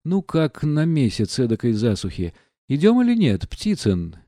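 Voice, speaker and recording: A man's voice: medium pitch, huge pitch swings, normal speed, mellow, no room sound, clean studio sound, voice pushed up. A man reading aloud, voicing a bored, sarcastic young man who mutters lazily. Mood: bored sneer. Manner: lazy, sneering.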